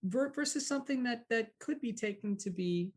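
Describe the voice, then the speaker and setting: A man hosting a podcast. He asks questions in a curious, halting way and repeats words, and he also reads the show intros. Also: extremely high pitch, expressive. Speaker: podcast host.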